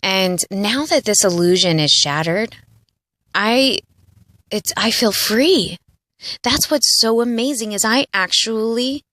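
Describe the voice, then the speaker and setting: A woman's voice: medium pitch, bright, forceful tone, dry recording, clean studio sound. A woman in her late thirties giving an earnest, confessional personal monologue for her audio blog, rambling with frequent "like" and "you know". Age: late 30s. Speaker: audio blogger.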